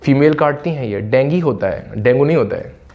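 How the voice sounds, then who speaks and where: A man's voice: medium pitch, lively intonation, darkish tone. Chatty male English tutor. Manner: chatty, repeats words slowly for emphasis. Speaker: spoken English teacher. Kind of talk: casual classroom-style explanation. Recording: slightly dull lo-fi audio.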